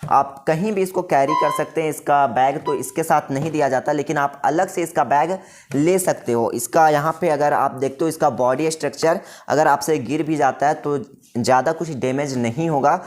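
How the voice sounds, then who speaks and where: This is a man on staff at a music shop, casually demoing a keyboard with a fairly high voice at an ordinary pace. He breaks down each step and checks in with the viewer often, while faint keyboard notes play in the background.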